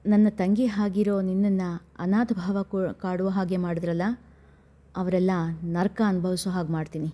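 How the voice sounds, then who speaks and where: Brief: woman reading a menacing, brooding male gang boss in an audio story; low, mellow delivery. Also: flat delivery, normal speed, close to an everyday voice. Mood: vengeful. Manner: threatening, heavy and brooding. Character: scheming menacing older brother, male gangster boss.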